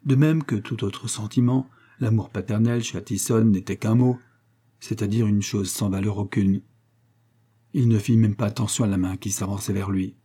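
A man narrating an adventure novel in a measured, even reading. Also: on the low side, slightly rough. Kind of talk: audiobook narration.

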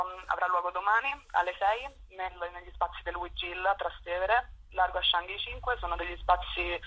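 A young adult woman with a fairly low, pushed and bright voice is a youth group spokesperson appearing as an interview guest by phone. She explains things informally over a muffled, rough telephone line.

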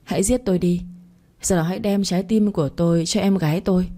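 An earnest, grieving young woman pleads in a storybook reading, voiced by a woman. Her voice is low and mellow. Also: fairly even intonation, fast, lightly acted.

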